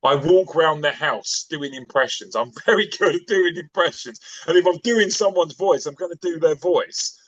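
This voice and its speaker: A man's voice: on the high side, moderate pace, few pauses, no room sound, lo-fi sound. A man in his forties chatting on a podcast as a guest, rambling and enthusiastic, with plenty of fillers. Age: 40s. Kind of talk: casual chat.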